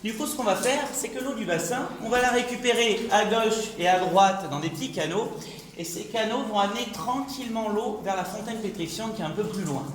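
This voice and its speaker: High-voiced man guiding in an echoing cave. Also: a little fast. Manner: explains step by step with rhetorical questions. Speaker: tour guide. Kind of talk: guided cave tour talk to a group. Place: echoing underground rock gallery. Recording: echoey cave gallery, clear background noise.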